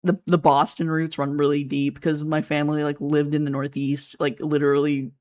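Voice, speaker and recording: A woman's voice: deep voice, flat delivery, moderate pace, a little mellow. A woman streaming a game, chatting in a playful, rambling way and laughing often. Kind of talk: casual game stream chat.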